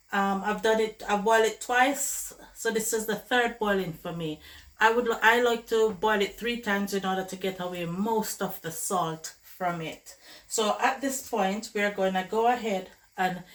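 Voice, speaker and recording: A cooking vlogger with a hoarse, flu-worn, mid-range voice chats casually with viewers, calling them guys, while cooking in her home kitchen. The tutorial is recorded in an echoey kitchen full of loud clatter from pots, dishes and running water.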